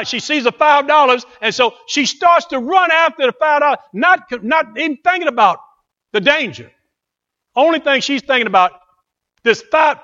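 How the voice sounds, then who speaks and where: A male preacher with a high, very lively voice tells a story in a sermon, dramatically and with much repetition. The recording is slightly muffled.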